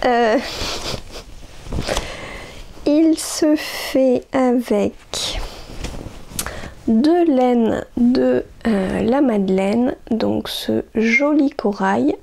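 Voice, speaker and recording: A woman's voice: fairly high pitch, extremely slow, vocal fry, pauses often, darkish tone. A woman, chatting casually about her knitting projects as host of a crafting podcast, hesitant, with many fillers and restarts.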